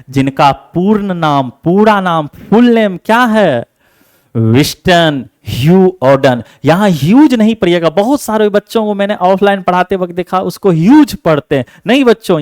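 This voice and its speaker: A man's voice: fairly high pitch, darkish tone, no room sound, studio quality. A male teacher giving an exam-focused lesson, asking the class questions and answering them himself, repeating each point.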